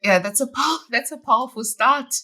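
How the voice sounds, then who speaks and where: A woman's voice: high voice, normal speed, sharp tone. A woman co-hosting an interview, asking the guest carefully phrased questions. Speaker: co-host.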